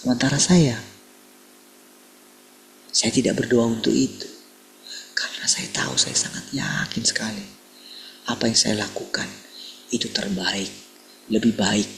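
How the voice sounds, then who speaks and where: A middle-aged man delivering a sermon in a deep, heavily gravelly voice full of creak. He keeps turning to his listeners with rhetorical questions. A faint hum sits underneath him. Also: steady tone, measured pace, pauses often, a bit bright, poor audio. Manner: rhetorical questions, addresses listeners as brothers and sisters. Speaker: preacher.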